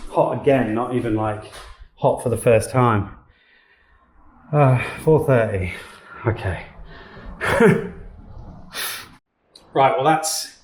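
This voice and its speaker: A man filming his home renovation, thinking aloud as he works, his voice echoing around an emptied room. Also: medium pitch. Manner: muttering to himself while working, thinking aloud. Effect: echoey sound of a bare, emptied room. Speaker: DIY renovation vlogger. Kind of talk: casual chat narrating home renovation work. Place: indoors, empty room stripped of flooring.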